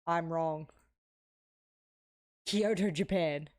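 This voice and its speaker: A young woman, streaming live and commentating as she plays, excitable and swearing freely. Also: sits low, extremely slow. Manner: excitable, swears a lot, talks to herself while playing.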